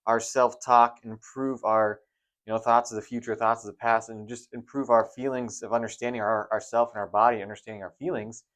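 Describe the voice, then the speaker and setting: A man who is a doctor and co-hosts a podcast, explaining things in a relaxed way. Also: mid-range voice, a little fast. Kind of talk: casual podcast chat.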